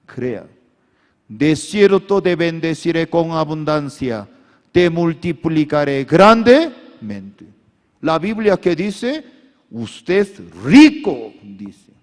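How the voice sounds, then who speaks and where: In an echoey hall, a male pastor delivers a sermon in simple, non-native Spanish, his high voice moving slowly through wide pitch swings. He leads call-and-response, urging the congregation to repeat his words and lift their hands.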